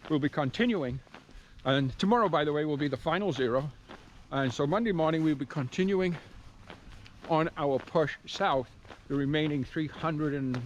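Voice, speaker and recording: A hiking vlogger with a voice on the high side walks outdoors along a rural trail and country road, musing to viewers in a rambling way and often interrupting himself. He films on a handheld camera, the highs are cut off, and outdoor ambience and noise fill the background.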